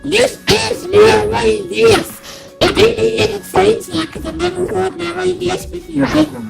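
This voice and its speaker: A woman streamer speaking through a random voice-changer preset, talking slowly and playfully. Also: very high-pitched, steady tone, vocal fry, over music, voice pushed up, heavily acted, low-quality recording. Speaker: vtuber streamer.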